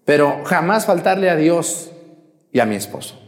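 A man's voice: fairly high pitch, sing-song, moderate pace, long reverb tail. A man voicing a devout married woman who prays in a solemn, pleading way.

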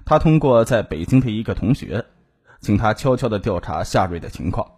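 A man telling a dramatized true-crime story in an expressive way, stretching out particles at the ends of his sentences. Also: on the low side, moderate pace, husky.

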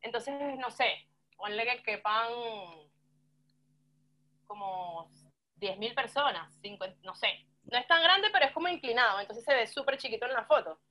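A woman's voice: on the high side, moderate pace. A young woman from Venezuela with a Venezuelan Spanish accent mixed with some Argentine words, chatting casually as a guest. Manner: chatty, animated, slangy, laughs often. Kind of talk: casual chat.

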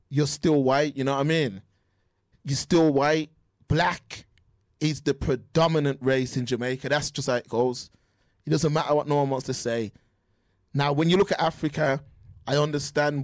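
A talkative man, his voice sitting a little high for a man. He gives his opinions casually and often restarts his sentences. The sound is dry and close, with almost no room echo. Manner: opinionated, chatty, frequent restarts. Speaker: podcast co-host. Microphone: remote call audio.

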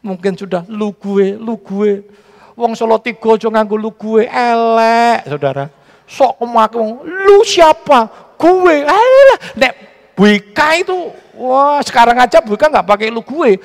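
A man with a Javanese accent preaching a sermon as pastor, telling animated stories and acting out what people said. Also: extremely high pitch, moderate pace. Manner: animated storytelling, acting out quotes. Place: church. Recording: church hall reverb.

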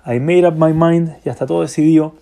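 A man speaking for a worn-out older bus driver, tired and resigned but polite. The voice is high-set and mellow. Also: fairly even intonation, brisk, vocal fry. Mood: weary resolve.

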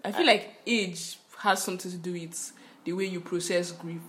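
A young woman with a Nigerian accent, co-hosting a podcast, speaking in a reflective, gently questioning way. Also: fairly low pitch, fairly even intonation, normal speed. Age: young adult. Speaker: podcast co-host. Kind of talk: casual conversation.

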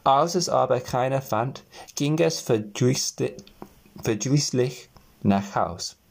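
A man reading a fairy tale aloud as a storyteller, telling it gently and now and then addressing the listeners. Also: mid-range voice, lively intonation, slow pace, gravelly.

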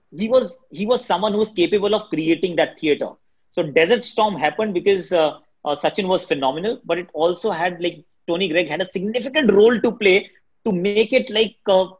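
A cricket commentator from Delhi, a Hindi native speaker with an Indian accent, answers interview questions in a shrill, quick, energetic way. He talks fast, and the recording is muffled.

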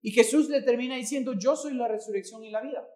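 A man's voice: very high voice, quick pace, a little mellow. A man preaching a sermon, reading scripture aloud and then explaining it, sometimes correcting his own reading. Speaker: pastor. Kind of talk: bilingual sermon with interpreter.

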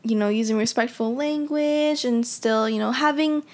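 Heard but not seen, a young woman raised in the Philippines reflects conversationally on her life, speaking at a moderate pace in a slightly high voice. "You know" and other fillers crop up often.

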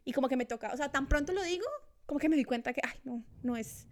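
High-voiced woman, chatty. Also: rapid-fire. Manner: chatty, self-reflective, many restarts. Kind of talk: casual conversation. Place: Australia.

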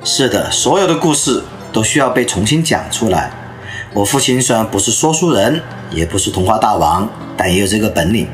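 A brisk man in his thirties or forties gives a storytelling lecture, his lively voice swinging widely in pitch. He pulls listeners in with his anecdotes while soft music plays faintly beneath.

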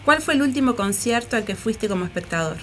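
A woman's voice: fairly high pitch, animated, quick pace. A woman from Argentina hosting a casual radio interview, chatty and emotional as she asks her questions. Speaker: radio host.

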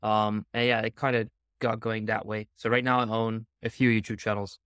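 A man from the Netherlands, introducing himself as a guest in a relaxed, casual way. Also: on the low side, moderate pace, clear, resonant tone, dry recording, clean studio sound. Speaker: guest YouTuber.

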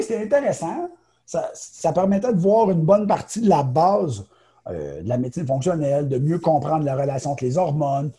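A male guest from Quebec, a naturopath, speaks French casually in a higher, very warm voice. In this relaxed interview he's chatty and quick, with lots of fillers and restarts.

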